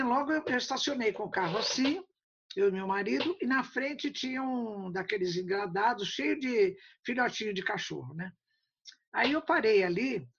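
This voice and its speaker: A woman's voice: mid-range voice, husky, lo-fi sound. An older woman, a guest in an interview, talking in a chatty storytelling way and often ending with tag questions. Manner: storytelling, tag questions, acts out quoted dialogue. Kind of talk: casual interview talk.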